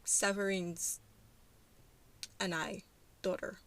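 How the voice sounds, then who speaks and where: A woman voicing a stressed young man who hesitantly confesses to his fiancee and pleads with her to stay calm. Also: fairly low pitch, slow pace.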